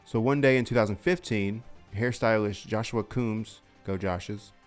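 A man's voice: on the low side, measured pace, smooth, faint music behind. A man hosting a casual comedy podcast, rambling, laughing easily and swearing. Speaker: podcast host.

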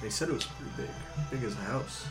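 A man's voice: medium pitch, expressive, fast talker, over loud music. A man taking part in a tabletop game as a player, chatting in casual banter.

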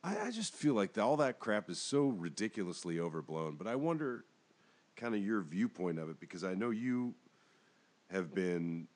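A man hosting a sports podcast, chatting casually in a rambling, animated way. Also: fairly low pitch, moderate pace. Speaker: podcast host.

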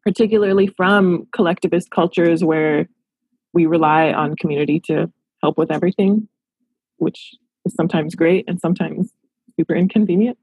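A woman in her thirties speaks as a therapist in an interview, reflective and earnest. Her voice is low-pitched and husky, with a gravelly edge. The recording is dry and close. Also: moderate pace, darkish tone, no room sound, rough recording. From Los Angeles. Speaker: therapist and practice owner. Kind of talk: podcast interview answers.

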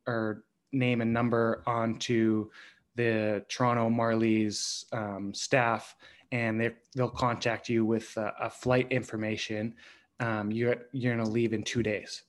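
A man in his thirties, a former pro hockey player, telling his story as a podcast guest in a halting way with many pauses. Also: mid-range voice, little pitch movement. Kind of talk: conversational storytelling.

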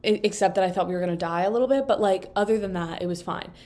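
Talking rapid-fire in a medium-pitched, darkish voice, a twenty-something woman hosts a casual solo podcast. Allergies have her stuffed up, and she rambles chattily with lots of fillers into a mic propped on a table indoors.

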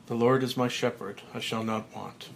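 A man voicing a mourner reciting a psalm at a grave in a low, quiet voice. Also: steady tone, normal speed, gravelly, a little hiss or hum. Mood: solemn.

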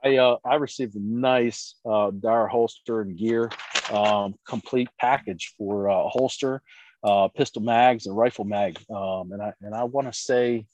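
A man's voice: lowish voice, steady tone, measured pace, a little mellow, slight background noise, poor audio. A middle-aged man from Maryland who shoots in competitions, chatting casually and rambling with lots of fillers. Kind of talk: casual chat.

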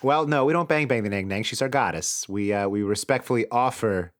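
A man's voice: lowish voice, fairly quick. A man co-hosting a comedy podcast, joking and rambling and laughing often. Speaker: podcast co-host. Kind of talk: casual comedic chat.

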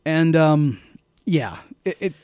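A man's voice: on the high side, expressive, takes it slowly, darkish tone, dry recording, studio quality. A man co-hosting a casual movie podcast, rambling with lots of fillers and restarts. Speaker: podcast co-host. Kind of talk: casual movie-review chat.

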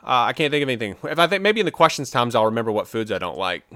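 Man, podcast co-host, bright forceful voice, animated and opinionated. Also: mid-range voice, rapid-fire, no room sound, clean studio sound. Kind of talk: casual chat. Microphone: remote video call.

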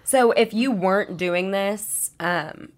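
A woman with a raspy voice hosting a podcast, chatting casually and asking her guest questions. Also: medium pitch, takes it slowly. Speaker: podcast host.

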